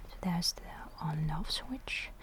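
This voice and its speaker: Woman ASMR host: unvoiced whisper throughout, slow, hesitant, pauses to find words. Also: fairly low pitch, lively intonation. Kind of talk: ASMR camera show-and-tell.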